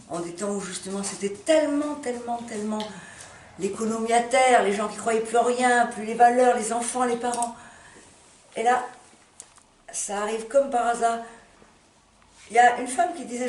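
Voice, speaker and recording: Heard from a distance in a large, echoing room, a woman with a slightly high, somewhat mellow voice makes a personal appeal. Her impromptu, impassioned monologue to camera is halting and emphatic, with words and phrases repeated. The distant mic picks up room reverb and background noise.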